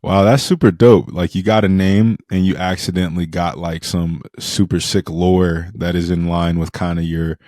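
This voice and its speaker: A man's voice: low-pitched, fairly even intonation, moderate pace, few pauses, darkish tone, no echo, studio quality. A man hosting a podcast interview in a casual, slangy and enthusiastic way.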